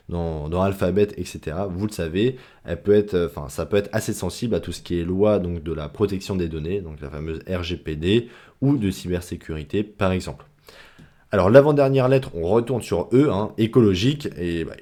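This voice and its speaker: A man's voice: low voice, mellow. A man giving a casual lesson on analysing stocks, chatty, full of fillers and slang. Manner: chatty, many fillers like "bah" and "hein", informal slang. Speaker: stock investing educator.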